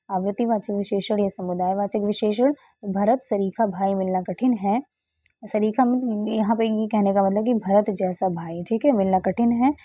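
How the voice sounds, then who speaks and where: With a warm, medium-pitched, slightly rough voice, a woman tutors through exam questions one by one, patiently repeating the key answers. She moves along with frequent short fillers like "ठीक है" and "okay, next है". The audio is dull, with no echo.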